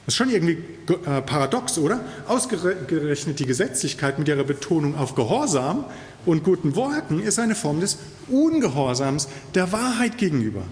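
A man preaching with a fairly high, lively voice that climbs and drops sharply for emphasis. He delivers the sermon in an earnest, urging way. His words ring out with the long reverb of a church hall. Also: fairly quick. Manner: earnest, emphatic preaching with rising and falling stress.

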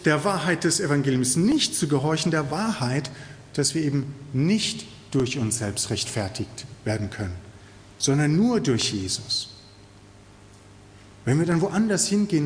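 A man's voice: a little high, sing-song, moderate pace, big-room sound. A man preaching a sermon in an earnest, emphatic way, stressing key words.

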